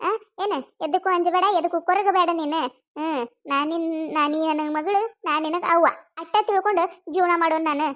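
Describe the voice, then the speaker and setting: A woman's voice: very high voice, steady tone, a little fast, pitched below the performer's own voice. A woman doing a fierce old village mother-in-law. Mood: consoling. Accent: North Karnataka Kannada. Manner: scolds her son, coaxes and consoles her daughter-in-law. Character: scolding elderly village mother-in-law, fierce but doting. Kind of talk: cartoon comedy voice acting.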